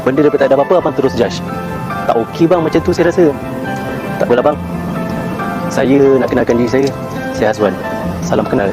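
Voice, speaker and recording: A man's voice: mid-range voice, fast, pauses often, natural voice. Needling neighbour, played by a young man, music playing under the clip. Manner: mockingly polite, lecturing. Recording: skit clip with music behind.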